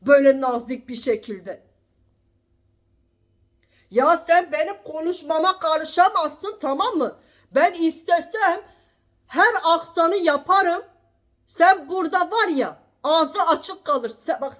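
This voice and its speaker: Very high-voiced, bossy scolding woman. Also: animated, slow. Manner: indignant, complains in long rants. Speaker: comedian playing a litigant. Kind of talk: improvised courtroom comedy sketch.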